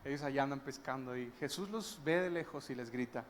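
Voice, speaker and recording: A man's voice: mid-range voice, fairly quick, a little hiss or hum. A man preaching a sermon as a guest pastor, retelling a story emphatically and breaking into wondering exclamations.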